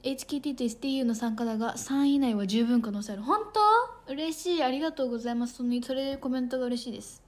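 A woman's voice: a little high, rapid-fire, a little mellow. A young woman idol livestreaming in casual chat, bubbly and chatty, thanking viewers for gifts and sometimes tripping over her words.

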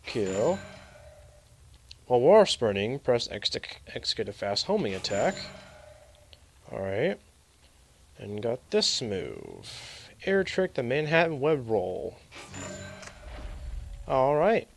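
A man's voice: medium pitch, huge pitch swings, slow pace, creaky, long pauses, a little hiss or hum. Sarcastic young man commentating a game. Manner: sarcastic, rambling, reacts loudly to glitches. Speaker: gaming commentator. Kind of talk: live let's play commentary.

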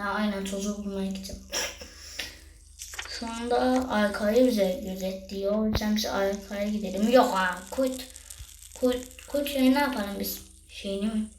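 A young woman giving chatty, excitable commentary while playing a game and talking to her viewers. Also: mid-range voice, measured pace. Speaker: gaming youtuber. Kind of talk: casual gameplay commentary. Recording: echoey room with background noise.

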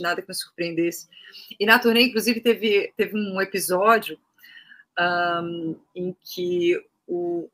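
A Brazilian woman with a bright, clear-edged voice tells tour stories to an interviewer. She is a trained classical singer speaking casually, and she slips into other people's voices when she quotes them. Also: medium pitch. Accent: Brazilian Portuguese. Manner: lively anecdotal telling, acting out quoted voices. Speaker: guest singer, opera-trained.

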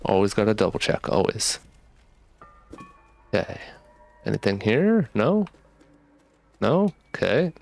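A man's voice: lowish voice, big pitch swings, a little slow, vocal fry, pauses often, darkish tone. A young man doing casual let's play commentary, talking with retainers in his mouth and a little sick with a cough. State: getting over a sickness with a cough. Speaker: gaming streamer. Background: game music.

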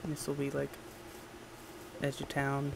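A gamer mutters offhand commentary on his gameplay while recording an audio log. His mid-range voice is monotone, slow, and creaky, set against a noisy background.

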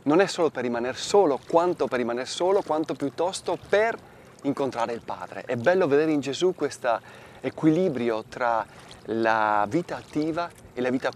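A man's voice: mid-range voice, a little hiss or hum. A man, a parish priest, explaining a gospel passage outdoors by a lake, asking and answering his own questions. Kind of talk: gospel commentary for television.

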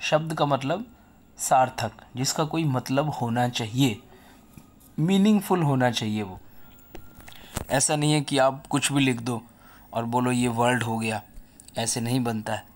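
Indian-accented male teacher for a recorded kids' lesson, very unhurried and patient, mid-pitched. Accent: Indian English. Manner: slow, patient, explains each point in Hindi and English. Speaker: school English teacher. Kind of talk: recorded online lesson for children.

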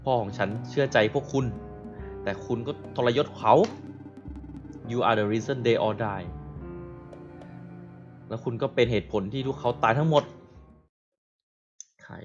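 A man from Thailand on a live game stream, reading dialogue slowly and deliberately, then translating it with polite particles. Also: medium pitch. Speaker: gaming streamer. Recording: dull lo-fi stream audio. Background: game music.

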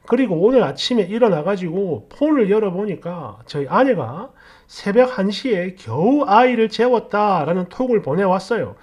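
A woman narrating a story read from an online post, in an expressive, complaining storytelling manner. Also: mid-range voice, normal speed, breathy edge.

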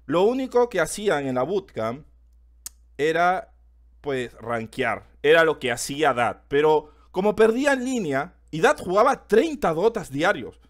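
Loud excitable man streaming. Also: fairly high pitch, unhurried. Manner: loud, excitable, swears often. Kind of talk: casual stream chat.

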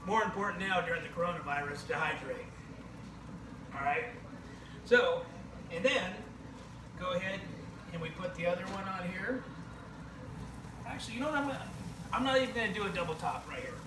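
A man's voice: high-pitched, animated, a little fast, long pauses. A man in his forties hosting a home cooking show, joking and rambling as he cooks, saying "okay" again and again. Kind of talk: casual cooking demonstration. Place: home kitchen, indoors. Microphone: camera across the room. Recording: echoey kitchen, distant camera mic, noisy.

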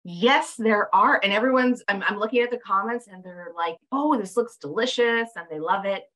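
A woman's voice: medium pitch, moderate pace, a bit bright, poor audio. A woman moderating a webinar over a video call, reading viewer questions in a bubbly, chatty way. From Canada. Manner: bubbly, fillers and restarts. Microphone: video call webcam.

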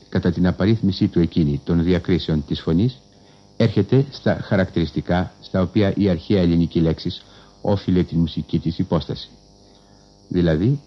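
A man delivering a formal scholarly radio lecture in a measured, precise manner with old-fashioned learned phrasing, heard on an old 1960s radio broadcast. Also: low voice, lo-fi sound.

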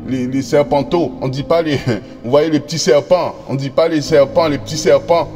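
A man preaches to his congregation in a slightly raised voice, reading verses slowly and stumbling over repeated words and fillers. His voice rings with a long reverb, and soft music plays faintly underneath. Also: fairly high pitch. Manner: reads verses slowly and deliberately; addresses listeners as brothers, sisters and friends. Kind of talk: sermon with scripture reading.

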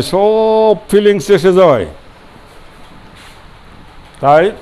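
With a fairly high pitch and darkish tone, an older man who used to be a college principal lectures students on grammar. He stresses key words, says them again, and splits them into syllables, answering his own questions to the class.

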